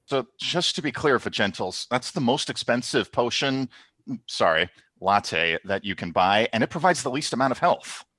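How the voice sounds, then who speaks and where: A man running a tabletop game as game master over a video call, narrating with lively storytelling and calling for checks. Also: medium pitch, moderate pace, dry recording. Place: home.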